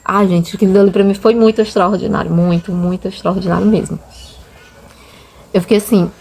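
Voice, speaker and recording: A woman's voice: mid-range voice, steady tone, fairly quick, creaky, darkish tone, breathy edge. A Brazilian woman with a Brazilian Portuguese accent and children of her own, earnestly and emotionally telling viewers her religious testimony in a casual storytelling way. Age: adult with children. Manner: emotional, earnest, often says "gente" to the viewers. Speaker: channel host sharing a faith testimony.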